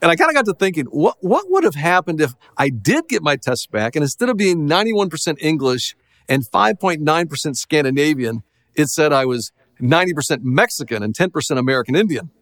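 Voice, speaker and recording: A middle-aged man, a pastor, preaching a sermon in a lively, conversational way with self-deprecating jokes. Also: on the high side, fairly quick.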